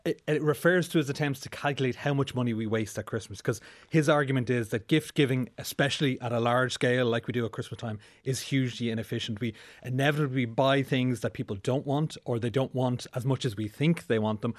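A man's voice: medium pitch, a little fast, few pauses, dry recording. A man explaining things as a business journalist in a radio studio.

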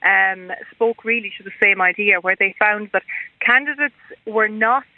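An Irish woman speaking as an academic guest in a radio interview, explaining things in a measured, formal way. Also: medium pitch, no echo. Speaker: guest expert, university lecturer. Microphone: telephone. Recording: narrow, tinny phone line.

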